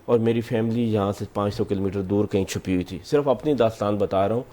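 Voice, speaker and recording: A man's voice: on the low side, dark tone. A man appearing as an opposition lawmaker on a political talk show, insistent and pushing back against interruptions. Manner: insistent, talks over the host.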